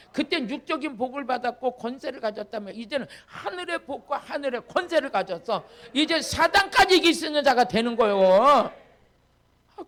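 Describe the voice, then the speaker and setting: A middle-aged woman pastor preaching a revival healing sermon in a blunt, folksy way, acting out talks with her congregants and with God. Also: on the high side.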